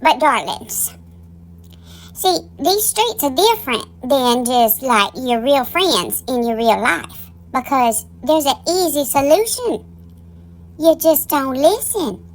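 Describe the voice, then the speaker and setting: A high-pitched woman with lively intonation takes her time as she gossips casually. She's an online drama commentary host whose sassy, campy, theatrical drag-queen style is folksy and colloquial, and she calls listeners darlings.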